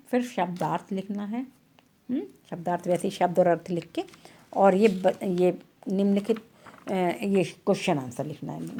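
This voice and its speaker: Woman teacher, online lesson, slow repetitions, frequent check-ins with pupils. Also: mid-range voice, warm tone. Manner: patient, repeats words slowly and checks with "thik hai na".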